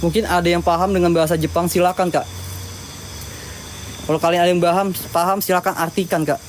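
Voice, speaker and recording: A man talking casually to viewers as host of a ghost-hunting night vlog, halting and repeating himself. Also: high-pitched, flat delivery. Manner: repetitive, halting, often addresses listeners directly. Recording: noisy outdoor night recording with insects.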